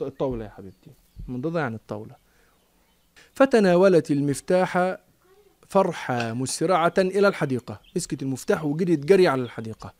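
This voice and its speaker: A man's voice: on the high side, a little mellow. A man reading a storybook aloud to a child, explaining hard words in everyday speech.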